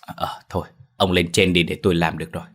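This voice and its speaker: A man with a deep voice voicing a sharp-tongued middle-aged wife who nags her husband in quick bursts. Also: level tone. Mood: grudging. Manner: shrill, nagging, hurried.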